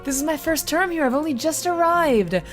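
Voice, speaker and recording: A woman doing a polite, high schoolboy. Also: expressive, normal speed, soft background music. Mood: friendly. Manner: eager, formal and polite. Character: polite shy new schoolboy.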